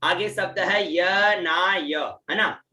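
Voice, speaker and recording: A man teaching Vedic mantra chanting, patiently spelling out each syllable and its pitch accent. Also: steady tone, drawn-out words, bright, forceful tone. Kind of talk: teaching Sanskrit mantra pronunciation. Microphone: online class setup. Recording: roomy echo, distant from mic, faint background noise.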